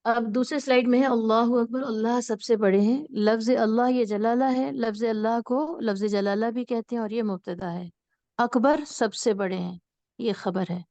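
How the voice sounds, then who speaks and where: A woman teaching an Arabic lesson as an online class, explaining slowly and repeating words for emphasis. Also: a little high, a little mellow, dry recording.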